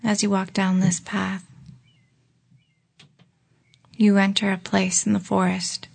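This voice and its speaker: Lady reading a guided relaxation script, low-key whispery delivery, some vocal fry. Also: completely flat delivery. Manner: slow, soft, partly whispered delivery. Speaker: meditation guide.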